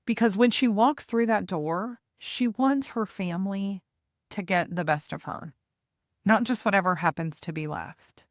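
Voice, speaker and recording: Woman in a gentle, deliberate reflective talk, dry sound. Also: mid-range voice, no room sound. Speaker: podcast host and hospice nurse coach.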